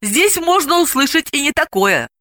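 A caustic woman psychologist with a sharp, snapping delivery, as a woman reader puts her on. The voice is bright and a little raised above the reader's own. It is a dry, close recording. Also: sits high, sing-song, moderate pace, dry recording, pitched above the performer's own voice, heavily acted. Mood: acerbic. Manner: acerbic, snapping.

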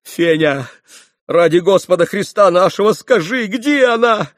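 A man voicing a desperate, frantic young man who shouts and begs. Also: high voice, expressive, a little slow, dry recording, studio quality, voice pushed up. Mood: begging.

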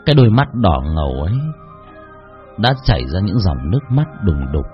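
A man narrating a story in an expressive, emotional way. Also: low-pitched, normal speed. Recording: dull lo-fi with faint music.

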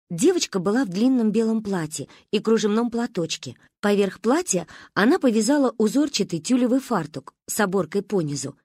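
A woman narrates a children's story with an expressive, animated delivery. Her voice is a little husky and sits in the middle of the female range. The recording is close and dry, with no room sound. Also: mid-range voice, dry recording. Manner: lively, expressive reading. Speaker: audiobook reader.

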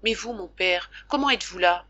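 A woman reading as a weak, gentle sick boy. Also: mid-range voice, normal speed, no room sound, muffled recording. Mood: wondering.

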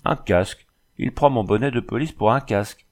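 A man's voice: medium pitch, normal speed, lightly acted. A man reading a boastful, fussy French army dragoon in an audiobook, raising his voice for the role. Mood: brash. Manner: fussy, keeps repeating a title.

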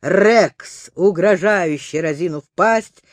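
A man narrating a children's book in an expressive storytelling manner. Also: sits high, takes it slowly, no echo. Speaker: audiobook narrator.

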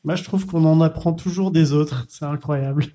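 A man's voice: on the high side, fairly even intonation, normal speed, warm tone. A man hosting a casual podcast chat, jokey and leading the round of guests. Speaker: podcast host.

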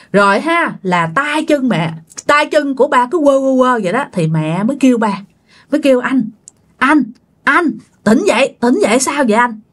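A woman telling a ghost story, speaking animatedly and addressing her listeners directly. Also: fairly high pitch. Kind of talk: spoken ghost story narration.

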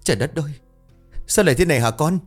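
A panicked middle-aged mother wails in a high, strained voice, as a male storyteller puts her on. Her cries rise sharply above his own register, set in a spoken ghost story. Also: animated, fast, slightly rough, faint music behind. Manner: panicked, wailing.

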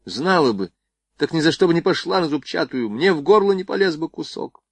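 A man reading the lines of a sharp-tongued, teasing young woman, with a reproachful manner and dry close sound. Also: a little high, expressive, a little fast, vocal fry, no echo, pitched above the performer's own voice.

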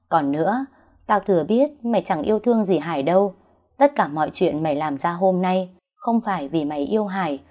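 A woman's voice: lowish voice, lightly acted. Woman doing a cool, cutting young wife. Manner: firm, cutting, sneering. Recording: dull lo-fi recording.

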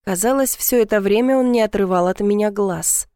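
A woman narrates a first-person romance audiobook in a soft, measured reading. Her voice sits at a middle pitch, and the recording is dry and close, with no room echo. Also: smooth.

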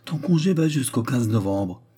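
A man's voice: medium pitch, lively intonation, moderate pace, dark tone, breathy edge. A man reading aloud and voicing a worried older peasant mother who asks anxious, pleading questions.

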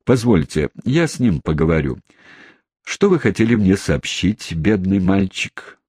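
A man voicing a kindly, courteous gentleman who is easily alarmed, in a storybook reading. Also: low voice, big pitch swings, measured pace, slightly rough, dry recording, studio quality, exaggerated voice. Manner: polite, fussy and easily alarmed.

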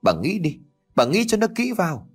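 A man voicing an angry elderly grandfather who scolds his wife in a reproachful, rapid shouting manner. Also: sits high, very animated, slightly rough, faint music behind, voice pushed up, full character voice. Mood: angry scolding.

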